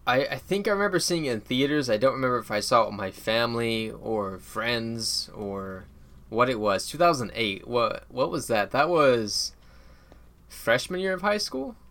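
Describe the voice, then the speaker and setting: Young male co-host, casual, halting, pokes fun at himself. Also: mid-range voice, lively intonation, fairly bright tone. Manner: rambling, halting, self-mocking. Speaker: podcast co-host. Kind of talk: casual chat.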